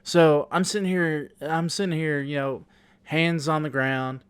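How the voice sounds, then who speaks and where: Slow, halting man with a lightish voice, amused storyteller on his vlog. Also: on the high side, fairly even intonation, clear, resonant tone, no room sound. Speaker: YouTuber.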